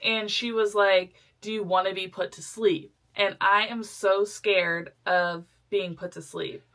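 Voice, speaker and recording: A young woman with a bright, clear voice chats casually as a podcast co-host. She tells her story with animation and acts out the voices of the people she quotes. Her pitch sits in the middle of the usual range. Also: steady tone, a little slow. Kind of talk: casual chat.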